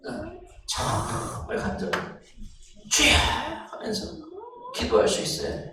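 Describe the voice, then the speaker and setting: A male pastor preaching a sermon, asking the congregation questions and rising to near-shouts. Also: on the high side, big pitch swings, moderate pace. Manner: talks straight to the congregation with questions. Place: church sanctuary. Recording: echoey church hall, distant mic, noisy.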